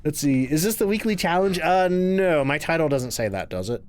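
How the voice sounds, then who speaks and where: A man's voice: fairly high pitch, animated, moderate pace. A man streaming a horror game, chatting casually with viewers and musing to himself as he plays.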